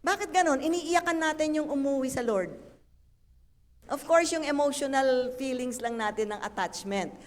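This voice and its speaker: A woman pastor preaching a lively, playful sermon, slipping English phrases into her talk. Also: high-pitched, normal speed. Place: church hall. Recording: echoey church hall.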